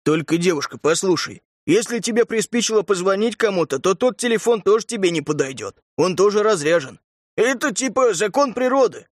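A man's voice: high-pitched, animated, a little fast, no echo, studio quality. A man doing a crude cynical guy.

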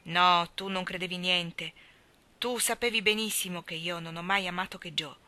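A woman's voice: medium pitch, normal speed, sharp tone. A woman reading aloud, voicing a bitter, heartbroken young man with a harsh tone.

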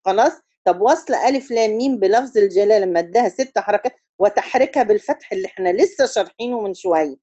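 A woman with an Egyptian Arabic accent leads a tajweed lesson on reciting the Quran, walking through it step by step, often making sure her students are keeping up, and chanting stretched-out syllables to model the proper reading. Her mid-pitched voice has a dark tone, and the recording is dry with the high frequencies cut off.

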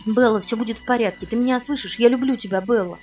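A woman's voice: on the high side, fast talker, darkish tone, faint music behind, close to an everyday voice. A woman reading the part of an anguished young man in love, speaking in a pleading, tender way.

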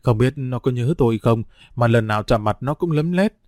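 A soft-spoken elderly aunt, unhurried and gentle, her voice dropping a little low in a storybook reading, as a male narrator puts her on. The sound is dry and close. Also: animated, no room sound, lightly acted.

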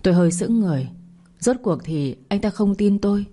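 A woman narrating a bedtime story in the first person, soft and steady. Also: medium pitch, fairly quick.

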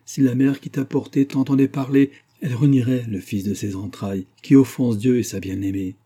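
Devout old nurse, solemn scolder, husky and dark, man reading her. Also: medium pitch, fairly even intonation, fairly quick, lightly acted. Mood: stern reproach. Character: old devout peasant nurse woman, stern. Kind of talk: audiobook reading.

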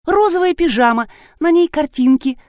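A woman voicing an excitable older woman who dotes on her cat, pitched high and shrill. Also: moderate pace, dry recording. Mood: doting. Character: frantic older woman, doting cat owner.

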